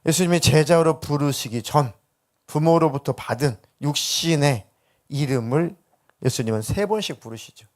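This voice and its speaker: A middle-aged male pastor delivers an emotive sermon. His voice sits a little high for a man. He slips into soft, tender quoted speech and then rises again to press his point. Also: lively intonation, normal speed. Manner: emotive preaching, acting out gentle quoted words.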